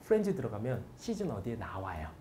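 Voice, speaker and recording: A man in his forties giving a lively motivational lecture on study methods to students, telling stories and asking the audience questions. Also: fairly low pitch, fast talker, slight background noise. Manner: animated storytelling, quotes people, asks the audience questions.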